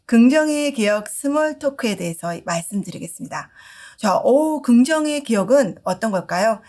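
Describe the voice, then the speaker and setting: A woman's voice: on the high side, animated, normal speed, a little mellow. A middle-aged woman giving a lecture to market merchants, asking the audience questions and acting out shop dialogues. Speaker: customer service lecturer.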